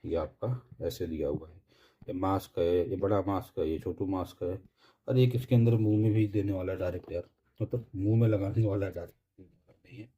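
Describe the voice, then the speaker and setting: Low husky guy doing a chatty unboxing review, jokey. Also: normal speed, dark tone. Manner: chatty, jokey, keeps saying "theek hai". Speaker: product reviewer.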